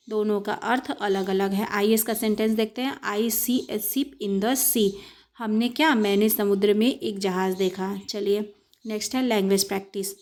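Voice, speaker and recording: A young woman teaching an English lesson in Hindi, spelling words out letter by letter and reading English sentences out very slowly. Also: mid-range voice, darkish tone.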